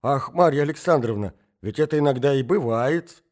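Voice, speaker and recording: A man's voice: mid-range voice, moderate pace, a little mellow, pitched above the performer's own voice, natural voice. A man reading an audiobook, voicing a spiteful lady guest who needles in a honey-sweet tone. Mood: sugary. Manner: sugary, needling.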